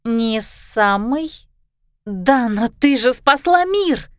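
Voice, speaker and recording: A woman reading a storybook, voicing an earnest, careful young heroine in a steady voice. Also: on the high side, takes it slowly, no echo.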